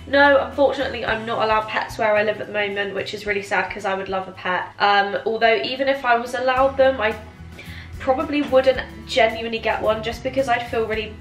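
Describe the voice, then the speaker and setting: A woman's voice: fairly high pitch, brisk, a bit bright. A British woman in her twenties chatting casually in a giggly, tipsy way as she answers viewer questions. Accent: British English. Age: 20s. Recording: roomy echo, music behind.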